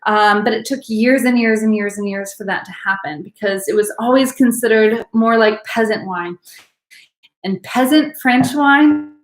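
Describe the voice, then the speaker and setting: A woman's voice: on the high side, normal speed, roomy sound, low-quality recording. A woman teaching a live online wine class, chatty and bubbly, with many fillers. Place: home room, live video class.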